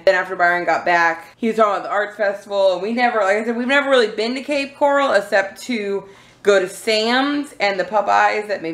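A woman's voice: medium pitch, a bit bright, rough recording. A young woman, chatting casually and rambling on camera for her vlog, often giggling. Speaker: vlogger.

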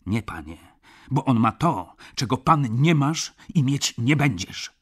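A man voicing a proud, hot-tempered male shop clerk in an audiobook, speaking loud and forceful. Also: medium pitch, sing-song, slow pace, slightly rough, voice pushed up, exaggerated voice. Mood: defiant.

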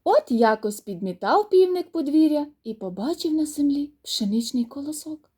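A woman tells a children's fairy tale in an expressive, sing-song way. Her voice sits high and swoops widely in pitch. Her delivery is animated and storybook-like. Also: moderate pace.

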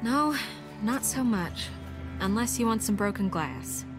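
Wary survivor woman, wry, sharp, video game, loud game music. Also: on the high side, expressive, unhurried.

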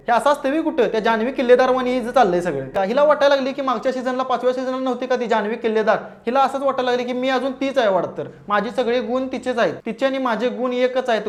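A man doing comedic roast commentary, mocking and scolding in a sarcastic way. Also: very high-pitched.

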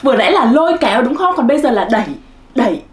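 A woman's voice: high voice, lively intonation, very fast, roomy sound. A woman teaching English pronunciation to children, coaxing and drilling sounds over and over; Vietnamese is her first language.

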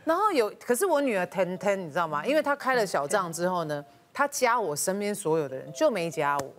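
A woman's voice: medium pitch, brisk, faint music behind. A woman telling stories on a talk show, acting out both sides of each conversation, with audience laughter around her. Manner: animated storytelling, acts out dialogue. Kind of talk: lively studio chat.

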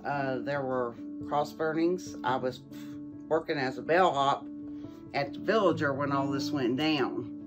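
A woman's voice: extremely low pitch, music in the background. A woman recalling local events bluntly in a documentary interview. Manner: blunt, slow-spoken. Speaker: local resident.

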